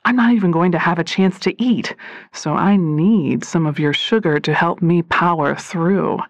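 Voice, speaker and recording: A woman narrator voicing a smooth, evasive middle-aged man who talks slowly and dismissively. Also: fairly low pitch, dry recording, natural voice. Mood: coaxing. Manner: slow, flat and dismissive.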